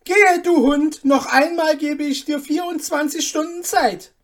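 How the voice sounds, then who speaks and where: A woman's voice: a little high, fairly even intonation, slow, mellow, voice pushed up. A woman voicing a wrathful, pompous duke in a storybook reading, bellowing and threatening. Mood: furious. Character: wrathful, pompous old duke, ruler of a court.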